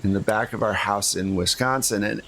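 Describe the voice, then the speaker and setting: In a casual actual-play narration, a game master conversationally describes scenes and explains rules for a tabletop role-playing game. His voice is on the low side and a bit bright, with fairly even intonation at normal speed. The recording carries a little hiss or hum.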